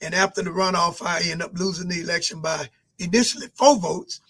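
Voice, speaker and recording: A man in his sixties answering interview questions at a measured pace, with frequent pauses and fillers. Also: high voice, little pitch movement, pushed and bright. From Albany, Georgia. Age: 60s. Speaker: mayoral candidate guest.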